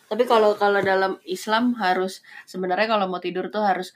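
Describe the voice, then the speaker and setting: A middle-aged mother in casual chat, telling a story in a measured, reassuring way. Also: medium pitch, fairly even intonation.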